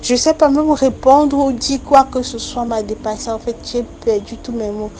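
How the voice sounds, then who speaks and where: Young woman with a slightly high voice, telling her own story in an earnest, halting testimony that circles back and repeats itself. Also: level tone, dark tone, a little hiss or hum. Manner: halting, repetitive, earnest recounting. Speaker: storyteller sharing a personal account. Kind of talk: spoken personal testimony.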